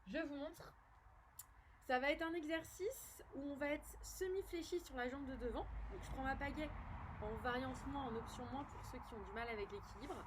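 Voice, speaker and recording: A French fitness instructor with a high, light voice leads a workout, cheering her viewers on and counting reps aloud. She talks while she moves on a mat. Faint background noise runs under the recording. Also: normal speed.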